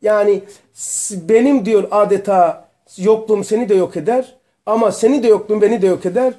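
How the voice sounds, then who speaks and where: A man teaching a religious study group, explaining terms slowly and asking his students questions. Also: high-pitched, warm tone. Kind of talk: religious lesson to a small group.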